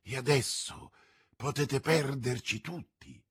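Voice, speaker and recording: A man with a husky voice voicing a frightened young seamstress who speaks urgently and in a hushed way. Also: medium pitch, slow, dry recording, studio quality, heavily acted.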